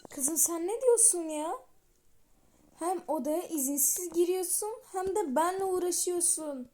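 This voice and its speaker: A woman voicing a quick-tempered, jealous young wife in a toy-app story, scolding sharply. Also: high-pitched, warm tone. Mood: angry.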